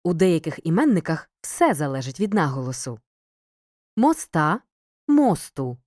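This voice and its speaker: Measured woman's lesson voice-over. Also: deep voice, big pitch swings, a little mellow, dry recording. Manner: clear, measured, reads word lists with pauses. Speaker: teacher narrating a grammar lesson. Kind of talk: scripted educational narration.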